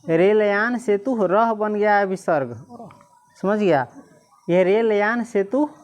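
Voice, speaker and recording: Woman, teacher, classroom lesson, slow syllable-by-syllable reading, frequent questions to the class. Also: mid-range voice, a little mellow. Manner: repeatedly quizzes listeners, slow syllable-by-syllable reading.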